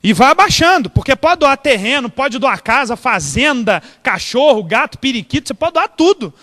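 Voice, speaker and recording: A man's voice: extremely high pitch, very animated, normal speed, sharp tone. A Brazilian man preaching as a pastor, telling stories animatedly, acting out the dialogue and asking the congregation questions. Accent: Brazilian Portuguese. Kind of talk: storytelling sermon. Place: church. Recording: reverberant church hall.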